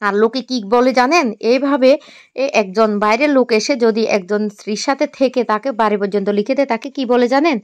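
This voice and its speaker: A woman voicing a scheming, sharp-tongued sister-in-law who talks in an accusing, insistent way. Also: fairly high pitch, brisk, no echo, lightly acted.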